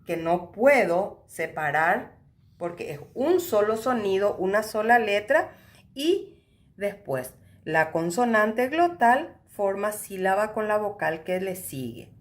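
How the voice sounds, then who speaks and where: Slow, patient woman teacher in an echoey room. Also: medium pitch, animated. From Paraguay. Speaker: Guarani language teacher. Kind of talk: recorded language lesson.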